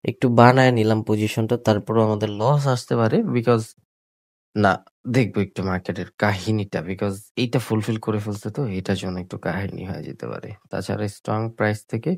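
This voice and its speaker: A sick, coughing man, talking slowly through live trades on screen and repeating his points, mixing in English words. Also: on the low side, no room sound. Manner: slow, repetitive explaining with English words mixed in. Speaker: trading tutor. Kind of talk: live trading screen commentary.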